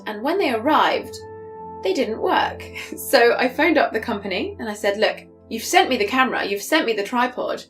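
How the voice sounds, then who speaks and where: A woman recounting a story to camera in a lively, amused way. Her voice is a little higher than average, and faint music plays underneath. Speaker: YouTube English teacher.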